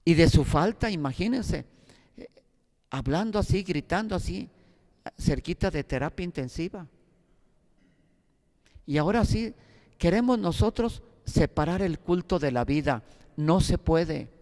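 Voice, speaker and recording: Sacerdote mexicano dando clase bíblica, voz algo aguda y rasposa, tono exhortativo, sala con eco largo. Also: male voice, on the high side, expressive, a little slow, pauses often, darkish tone, in a large hall. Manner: earnest, exhortative, anecdotal. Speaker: priest teaching a Bible course. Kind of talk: Bible class lecture.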